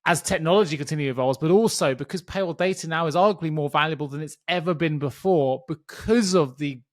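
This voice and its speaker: A man's voice: on the high side, fast, no echo, studio quality. A man hosting a podcast, talking in a loose, conversational way with frequent restarts as he thinks aloud. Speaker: podcast host.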